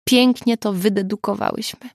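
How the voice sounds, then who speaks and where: A woman's voice: medium pitch, normal speed, creaky, no echo, studio quality, pitched above the performer's own voice, natural voice. A woman reading the lines of an eager, chatty woman friend in an audiobook.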